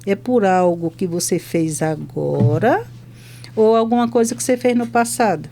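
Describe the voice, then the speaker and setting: Mellow-voiced woman chaplain telling stories. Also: medium pitch, moderate pace. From Brazil. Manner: lively retelling that acts out both sides of conversations. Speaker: hospital chaplain. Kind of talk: podcast testimony storytelling.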